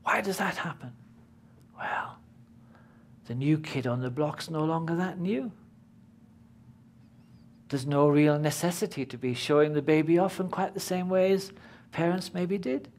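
A British man giving a live workshop talk as a spiritual teacher, speaking slowly and emphatically and often dropping to a whisper. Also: on the high side, darkish tone.

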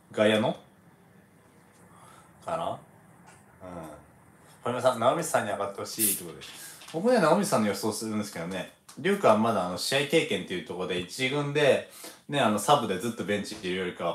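In an echoey room, a former baseball pitcher hosts a relaxed livestream. He chats casually, reads viewer comments and laughs often.

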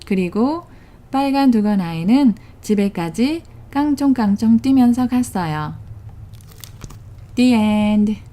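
A woman's voice: a little high, lively intonation, racing, dark tone. A woman reading a children's storybook aloud, translating each line. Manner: reads each English line, then translates it into Korean. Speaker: storybook reader and English tutor.

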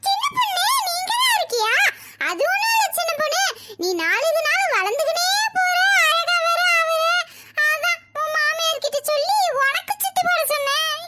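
A woman's voice: extremely high pitch, lively intonation, normal speed, heavy background noise. A woman voicing a scheming, gossipy village neighbor who talks in a sly, dramatic, wheedling way. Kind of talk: cartoon voice acting.

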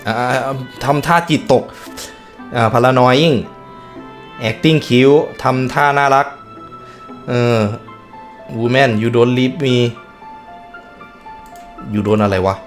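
A man hosting a meme reaction video in a chatty, musing way, chuckling as he goes. He talks at an unhurried pace, with soft music in the background. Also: medium pitch. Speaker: host. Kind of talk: casual meme reaction commentary.

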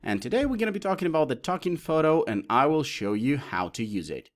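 Lively-voiced man walking through software. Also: a little high, quick pace. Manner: lists options step by step, explaining as he clicks. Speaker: software tutorial presenter. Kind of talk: screen-recorded tutorial walkthrough.

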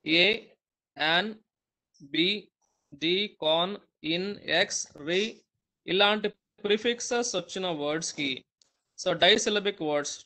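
A man teaches English stress rules in a lecture. His voice sits high and sounds bright and crisp. He says each example word loudly and slowly, then moves quickly through the explanation.

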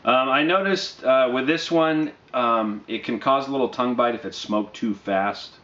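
A man in his thirties giving a casual, low-key product review to camera, speaking in a halting, unhurried way. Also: a bit bright. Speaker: pipe tobacco reviewer. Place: small dim living room, indoors. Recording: dull, roomy sound with faint noise.

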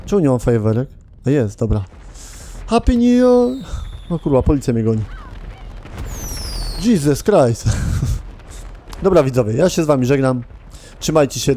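A man's voice: mid-range voice, brisk, pauses often, warm tone. A man hosting a gaming channel, giving casual gameplay commentary, chatting to his viewers and swearing often.

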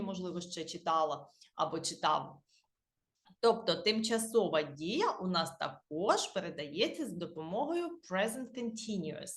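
A woman's voice: mid-range voice, fairly bright tone, echoey room. A woman with a Ukrainian accent, an English teacher who explains grammar to beginners patiently, spelling out word endings letter by letter.

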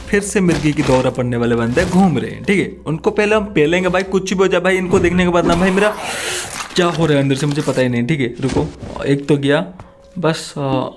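A man's voice: a little high, slight background noise. A young man giving crude, jokey horror game commentary, swearing often and muttering nervously. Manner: jumpy, frightened mutters. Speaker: gaming channel host.

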